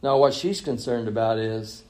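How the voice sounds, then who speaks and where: A male pastor preaching a sermon, switching between loud emphatic reading and quiet, intimate asides. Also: medium pitch, moderate pace.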